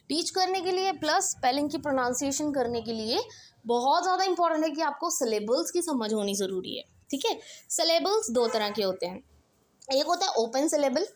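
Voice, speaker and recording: Lady teacher going over a lesson, pretty high voice, keeps checking in. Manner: explanatory, repeats "ठीक है" checks, mixes Hindi and English. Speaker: English teacher. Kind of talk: casual revision lesson.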